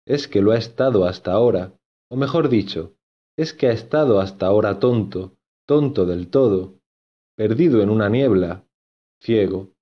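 A man playing an earnest, lovesick young gentleman in a storybook, insistent and given to repeating himself. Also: on the low side, animated, moderate pace, muffled recording.

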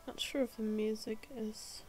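A woman with a slightly high, sick-sounding voice talks her way through a video game. She drawls slowly and mocks herself, then drops into soft, near-whispered asides. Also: flat delivery, soft background music. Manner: chatty, self-mocking, drifting into near-whisper asides. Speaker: gameplay streamer. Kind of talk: casual gameplay commentary.

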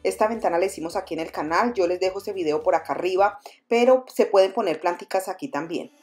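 A woman's voice: lowish voice, fast talker, a little mellow. A woman hosting a crafts channel, giving friendly step-by-step voice-over instructions and addressing viewers as friends. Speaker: DIY channel host. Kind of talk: voice-over tutorial narration.

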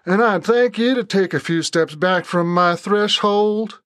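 A man doing a Deep Southern accent, surly young man, drawling, slow, raised pitch. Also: fairly bright tone, dry recording, clean studio sound. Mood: curt.

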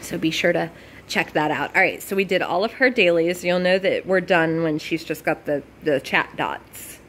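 A woman's voice: fairly low pitch, moderate pace, a bit bright, slight background noise. A woman hosting a casual gameplay video, gushing and bubbly, with lots of "like" as she talks. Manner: bubbly, gushing, heavy use of "like". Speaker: gaming video host.

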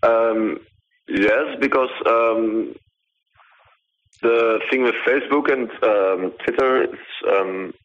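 A man's voice: fairly low pitch, takes it slowly. A man from the Netherlands with a Dutch accent, a video artist answering interview questions over the phone, hesitant and full of ums. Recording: poor phone line.

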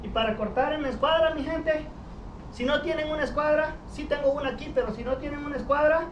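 A man's voice: very high-pitched, fairly quick, reverberant, lo-fi sound, slight background noise. A man narrating his own home repair video, explaining each carpentry step in a casual way and often checking in with "ok?". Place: outdoor workshop by a shed.

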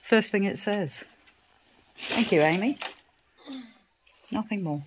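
A woman's voice: mid-range voice, slow, noisy background. A woman presenting a casual ghost hunt as she films outdoors, exclaiming and repeating what she hears. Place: outdoors among open stone ruins.

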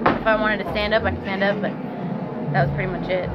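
A woman's voice: mid-range voice, fairly even intonation, fast. A woman of twenty giving a casual post-fight interview as a fighter, talking loosely and hesitantly with lots of filler phrases. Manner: hesitant, peppered with "you know". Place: small wood-paneled indoor room at event venue. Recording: muffled audio with loud background noise.

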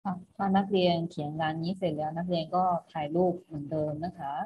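A woman's voice: low-pitched, fairly even intonation, fast. A woman teacher giving an online class, patiently repeating each instruction. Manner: patient, repeats herself with a polite particle at each phrase end. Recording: muffled recording with faint noise.

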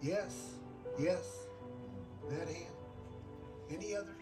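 Loud music sits behind a high-voiced older man, a guest preacher in his sixties, who takes his sermon slowly. He's earnest, repeats phrases for emphasis, and leads toward an altar call, all picked up on a distant mic.

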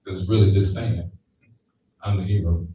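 This sermon comes from a thirtysomething preacher whose voice sits low, steady and mellow, at a moderate pace. Speaking conversationally through a handheld mic in a small church hall, he often asks "right?", and the echoey, distant, slightly dull recording carries slight background noise.

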